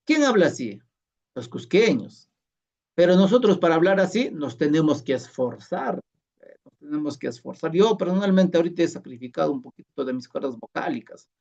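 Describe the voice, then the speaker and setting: A man teaching a language class, slowly and patiently repeating sounds and checking that his colleagues follow. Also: fairly high pitch, big pitch swings, gravelly, darkish tone, far from the mic. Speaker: Quechua teacher. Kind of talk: classroom lesson. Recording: muffled sound from away from the mic.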